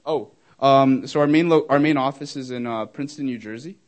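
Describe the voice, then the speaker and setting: A man's voice: mid-range voice, a little fast. A young man, a startup founder, answering audience questions in a casual, friendly way, with many fillers and easy laughs. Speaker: startup founder presenting to users. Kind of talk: casual Q&A presentation.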